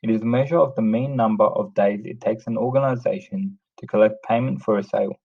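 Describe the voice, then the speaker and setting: A man reading a prepared script as a steady, plain narration over a lo-fi screen recording. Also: fairly low pitch, brisk, creaky, slightly rough. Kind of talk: read-aloud screencast narration. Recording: dull lo-fi sound, distant from the mic.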